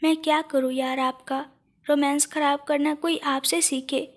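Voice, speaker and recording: A woman voicing a tender, loving young husband who speaks softly and with affection. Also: sits high, flat delivery, moderate pace, close to an everyday voice.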